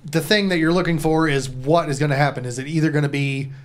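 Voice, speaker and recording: A man's voice: a little high, fairly even intonation, fast talker. A man hosting a livestream with casual, joking, profane banter. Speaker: show host.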